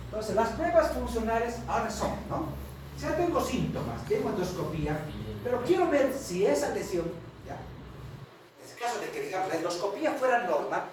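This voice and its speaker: A man giving a medical lecture to students, who keeps checking in with his class as he talks. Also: high-pitched. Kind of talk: university lecture. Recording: very echoey room, distant mic, noisy.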